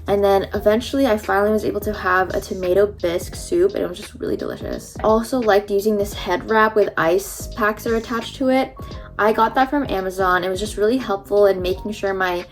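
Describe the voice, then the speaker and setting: A woman's voice: mid-range voice, fairly quick. Young woman vlogging after wisdom teeth surgery, slight numb lisp, chatty, bit of music in the back. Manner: chatty, informal, frequent "like". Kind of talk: casual personal vlog.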